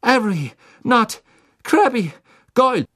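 Man doing an urgent, shouting teenage boy. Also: very high voice, very animated, takes it slowly, pitched above the performer's own voice, exaggerated voice.

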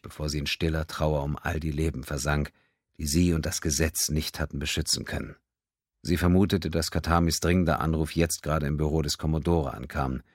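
Deep-voiced male audiobook narrator. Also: no echo, studio quality. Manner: steady storytelling. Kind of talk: scripted narration.

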